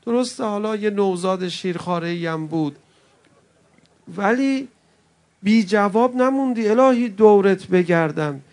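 A man preaching an emotional religious sermon at a mourning gathering. He swings between loud, impassioned cries and soft, intimate words to the crowd, and calls his listeners friends. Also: high-pitched, animated.

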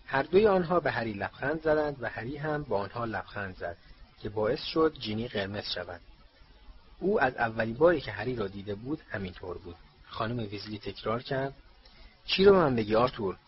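Male audiobook narrator, measured storytelling. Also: medium pitch, expressive. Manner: measured storytelling with voiced characters. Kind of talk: scripted narration of a novel. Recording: slightly dull recording, faint hiss.

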